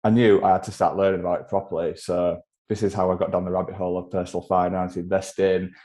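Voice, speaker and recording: Podcast guest: Yorkshire man in his twenties, deep mellow voice, chatty and self-deprecating. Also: little pitch movement, fast. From Yorkshire, England. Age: 20s. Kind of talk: casual interview chat.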